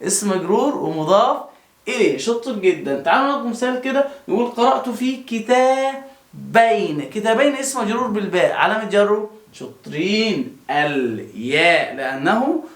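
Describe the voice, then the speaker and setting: Egyptian male teacher, high animated voice, echoey room; quizzes kids, answers himself. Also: moderate pace. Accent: Egyptian Arabic. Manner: lively, quizzing pupils and answering them himself. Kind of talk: children's grammar lesson.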